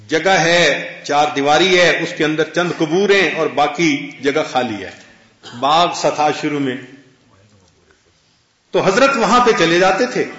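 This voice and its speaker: A man's voice: on the high side, a bit bright. A man giving a sermon, telling a story and quoting scripture in Arabic. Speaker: religious scholar. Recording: echoey dull lo-fi recording.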